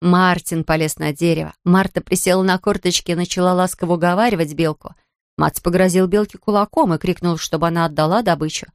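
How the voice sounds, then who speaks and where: A woman reading a children's storybook aloud in a calm, even manner. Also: on the low side, a little fast, no echo, clean studio sound. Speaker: narrator.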